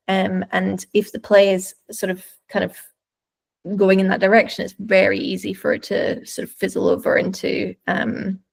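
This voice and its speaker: A woman's voice: mid-range voice, vocal fry. A woman dog trainer giving webinar commentary over videos, explaining thoughtfully and searching for words as she goes.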